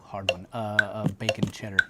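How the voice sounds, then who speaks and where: A man's voice: lowish voice, level tone, fairly quick, heavy background noise. A man, a game's executive producer, answering interview questions casually and hesitantly, often restarting his phrases.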